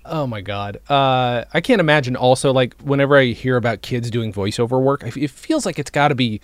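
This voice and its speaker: A man hosting a casual podcast interview, enthusiastic and quick to swear. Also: mid-range voice, no room sound, studio quality. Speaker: podcast host.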